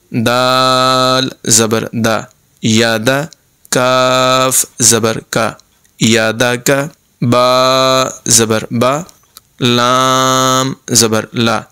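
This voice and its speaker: A man teaching Quran reading, spelling out letters and vowel marks slowly and explaining how to pronounce them. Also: mid-range voice, bright, forceful tone, smooth, no echo. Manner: slow, deliberate drilling of letter sounds with explanations. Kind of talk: recitation lesson, spelling letters aloud.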